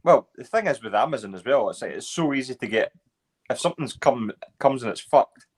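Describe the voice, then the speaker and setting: Cheeky man, lively pitch. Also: a little fast, slight background noise. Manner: cheeky, swears, mock accents. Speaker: co-host. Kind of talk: casual livestream banter.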